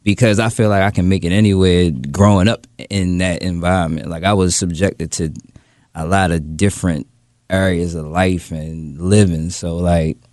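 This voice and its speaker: A man in his thirties with a very low, deep voice talks through his memories in a relaxed, thoughtful way, often restarting his sentences. The sound is close and dry, with no room echo. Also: normal speed. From Baltimore, USA. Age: 30s. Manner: relaxed, reflective storytelling with frequent restarts. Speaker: guest. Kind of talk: casual interview.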